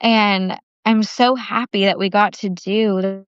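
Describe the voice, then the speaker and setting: A woman's voice: medium pitch, fairly even intonation, measured pace, clean tone, no room sound. A woman hosting a self-love workshop on a livestream, talking casually with lots of "like" fillers after a guided meditation. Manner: chatty, with frequent "like" fillers. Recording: dry, slightly dull lo-fi livestream audio.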